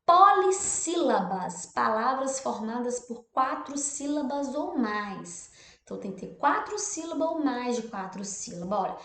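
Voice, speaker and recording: Lively Brazilian teacher in an echoey room. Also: female voice, fairly high pitch. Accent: Brazilian Portuguese. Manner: lively, drawn-out stressed syllables, frequent "tá bom?" checks. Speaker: primary school teacher. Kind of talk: explaining a textbook exercise to children.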